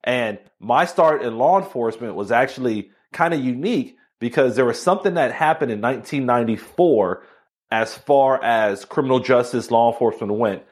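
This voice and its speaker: An energetic man in his thirties from Miami tells his story as a podcast guest. He talks fast and with animated enthusiasm, in a mid-range voice. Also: medium pitch. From Miami, Florida. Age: 30s. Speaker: guest, author and speaker. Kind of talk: casual interview storytelling.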